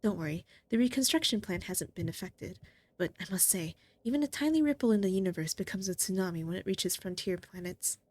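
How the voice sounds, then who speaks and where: A woman's voice: medium pitch, a little fast, dry recording. A woman streaming a video game, reading its dialogue aloud and reacting expressively as she goes. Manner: expressive, exclaims and laughs at the story.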